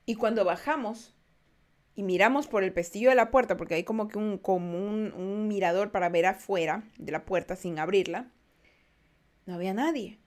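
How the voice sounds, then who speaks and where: A young woman telling true ghost stories in casual podcast talk, acting out quoted lines with loud bursts and often restarting her sentences. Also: medium pitch, moderate pace. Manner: frequent restarts, turns quiet and reflective. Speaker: podcast host. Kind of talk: casual storytelling.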